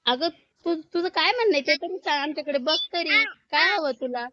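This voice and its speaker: A woman's voice: high-pitched, lively intonation, fairly quick, pushed and bright, muffled recording, a little hiss or hum. A woman acting as the older sister-in-law in a family skit, coaxing and questioning, then urging the children to run.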